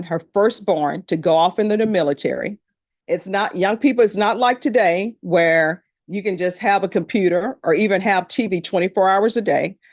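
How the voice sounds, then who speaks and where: Addressing a jury panel in a courtroom, a middle-aged woman judge with a Louisiana accent talks in a plain-spoken, conversational way. Her ordinary-pitched voice sounds close and dry in a dry recording.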